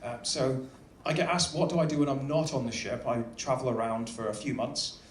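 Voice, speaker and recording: A man's voice: mid-range voice, fairly even intonation, fairly quick. A man speaking as an upbeat cruise director, giving a joking welcome speech to a live audience over a microphone. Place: large indoor ship venue with audience. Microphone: stage microphone. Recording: roomy echo, faint background noise.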